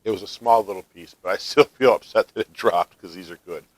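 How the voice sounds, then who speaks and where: A man from the United States casually chatting through a home cooking vlog, relaxed and talkative, often tasting food while he speaks. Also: deep voice, brisk, dry recording, low-quality recording. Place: home kitchen.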